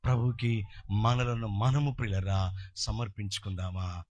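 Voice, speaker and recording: A male pastor from Andhra Pradesh preaching a sermon, swinging from hushed asides to fervent shouts. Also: lowish voice, fairly even intonation, a little slow.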